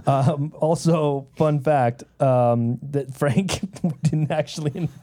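A man's voice: on the high side, takes it slowly, warm tone. A man producing a podcast, chatting casually and giggling while unsure of his own facts. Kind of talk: casual chat. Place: studio.

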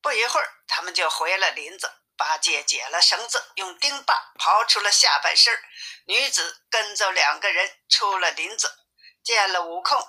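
A woman reading a classic story aloud in a lively manner, shifting her voice for each character. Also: mid-range voice, normal speed, breathy edge. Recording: tinny phone-like sound.

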